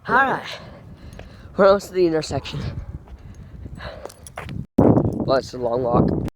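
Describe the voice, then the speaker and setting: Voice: lively intonation, normal speed. Nagranie telefonem na zewnątrz, z wyraźnym szumem tła i krokami. Osoba prowadząca vloga spaceruje ze starym psem, mówi do niego pieszczotliwie, śpiewnie i z dużą zmiennością wysokości głosu. Chwilami brzmi na zadyszaną. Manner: coos at the dog in a high singsong voice. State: out of breath from walking. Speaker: vlogger walking an old dog. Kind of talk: casual narration to camera and baby talk to a dog. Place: outdoors on a neighborhood street in cold weather. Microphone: phone camera held while walking.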